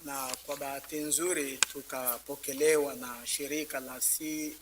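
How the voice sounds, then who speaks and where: A man's voice: medium pitch, fairly even intonation, moderate pace, a crowd in the background. A man from Congo speaking in short phrases for an interpreter at a council meeting. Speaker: community leader. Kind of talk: public comment speech.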